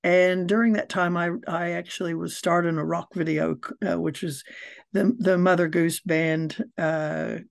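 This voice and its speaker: A woman's voice: on the low side, fairly even intonation, measured pace, gravelly. A mature woman, chatting casually as an interview guest. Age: middle-aged or older. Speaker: guest, spiritual director.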